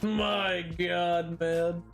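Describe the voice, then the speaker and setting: A man streaming a game, chatting casually in an excitable, rambling way and laughing often. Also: high-pitched, very slow, creaky, soft background music. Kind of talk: casual gameplay commentary.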